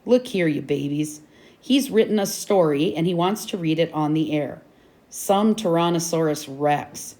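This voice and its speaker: A woman's voice: sits low, unhurried, dark tone. A woman reading a bossy, defiant schoolgirl. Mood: scoffing. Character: bold fifth-grade girl, bossy and defiant.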